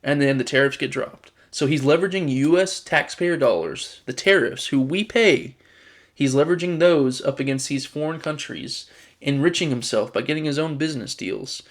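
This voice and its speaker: A man's voice: on the high side, normal speed. A man giving casual political commentary, reading news items aloud and reacting with exasperated sarcasm, often restarting his sentences.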